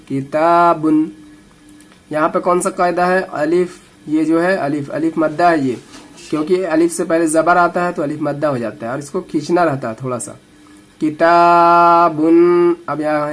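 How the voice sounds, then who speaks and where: A man teaching Quran reading, slowly spelling out syllables letter by letter and then explaining the rules in quicker asides, with an Indian Urdu-Hindi accent. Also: fairly high pitch. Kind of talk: slow letter-by-letter recitation lesson.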